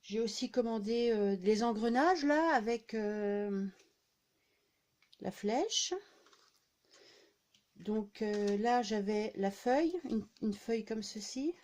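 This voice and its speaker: In a casual haul, a scrapbooking vlogger talks her viewers through her new craft buys. Her voice is fairly high with a darkish tone, and she speaks slowly with frequent pauses, chatting loosely with plenty of fillers and "hein" tags.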